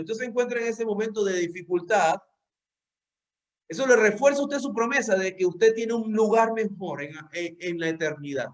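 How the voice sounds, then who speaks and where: A man's voice: high voice, fairly bright tone. A young man preaching a sermon, earnest and direct, often repeating words as he searches for the phrasing. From Venezuela. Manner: speaks directly to listeners as "usted".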